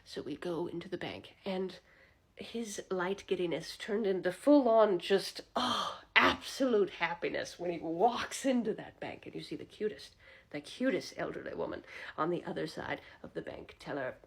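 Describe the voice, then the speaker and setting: A woman telling a funny story about her neighbor in a loose, casual way. Her pitch swings widely as she tells it. Her voice is a bit husky and breathy, and she often drops to a hush for her asides. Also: lively intonation, moderate pace. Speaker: comedic storyteller.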